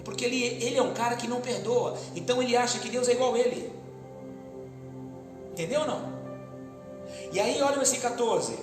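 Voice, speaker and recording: A Brazilian man preaching a lively sermon as pastor, calling for responses from the congregation and acting out voices. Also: very high voice, brisk, long pauses. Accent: Brazilian Portuguese. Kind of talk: Pentecostal sermon. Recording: echoey hall with music behind.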